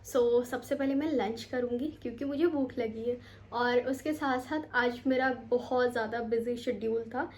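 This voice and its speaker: A young Indian woman vlogs casually to her camera from her bedroom at home, rambling and slipping English words into her speech, tired and sore after a long day. Her voice is a little high and a little mellow, with fairly even intonation and a moderate pace.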